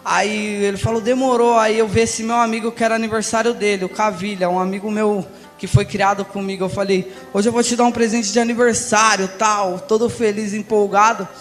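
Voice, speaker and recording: A young Brazilian man giving an emotional church testimony, passionate and swinging between hushed and loud. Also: high-pitched, fairly even intonation, brisk. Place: large church hall. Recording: reverberant church hall with music.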